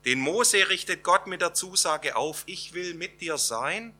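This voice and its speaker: Male preacher, sermon; slow, emphatic delivery, slightly high voice, faint music underneath. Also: animated, sharp tone.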